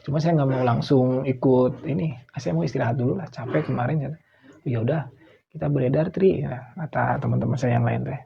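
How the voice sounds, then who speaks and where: This guest storyteller is a middle-aged man from West Java, Indonesia, with a Sundanese accent, recounting an eerie tale in casual conversation. His mid-range, creaky voice is brisk with hardly any pauses, and he animatedly performs quotes and occasionally drops almost to a whisper. The sound is dull and lo-fi, with a little hiss or hum.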